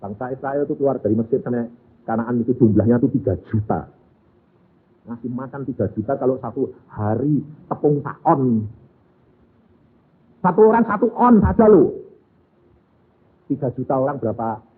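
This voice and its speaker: An older man preaching a sermon, firing rhetorical questions at the congregation and dropping from loud to hushed. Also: mid-range voice, normal speed, long pauses, breathy edge. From Central Java, Indonesia. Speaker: evangelist preacher. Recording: tinny, phone-like lo-fi sound.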